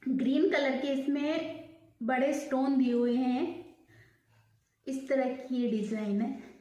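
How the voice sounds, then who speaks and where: A high-pitched woman walks viewers through each piece step by step, unhurried and patient in her pacing. Her voice is mellow and soft-edged, and it rings a little in an echoey room at home. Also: steady tone, muffled recording. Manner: slow step-by-step explaining. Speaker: vlogger.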